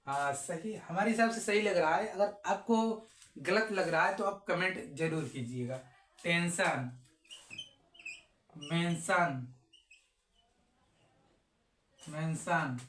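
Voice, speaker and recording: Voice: mid-range voice, expressive, normal speed, a bit bright, roomy sound, a little hiss or hum. A teacher giving a step-by-step phonics lesson, repeating each sound and answering their own questions.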